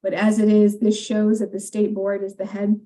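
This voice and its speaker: A woman gives a committee briefing in a mellow, darker-toned voice. She explains steadily and leans on frequent fillers as she goes. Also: medium pitch, completely flat delivery, moderate pace, rough recording. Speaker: legislative staff presenter.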